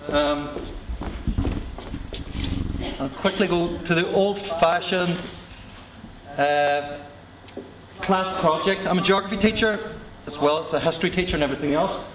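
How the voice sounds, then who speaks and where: With a Northern Irish accent and a fairly high voice at normal speed, a teacher gives a short, light-hearted, self-deprecating talk to colleagues at a meetup. It's captured from far off in a large, reverberant lecture hall full of audience noise.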